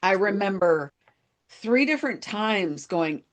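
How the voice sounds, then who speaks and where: Animated woman telling a story. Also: medium pitch, takes it slowly. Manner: animated storytelling, laughs at herself. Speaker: podcast co-host. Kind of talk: casual chat.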